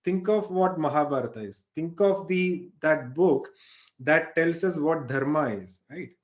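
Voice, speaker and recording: A man's voice: on the high side, measured pace. A man. He teaches spiritual texts in an informal, explanatory way, often adding a questioning tag to check understanding. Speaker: spiritual teacher leading a satsang.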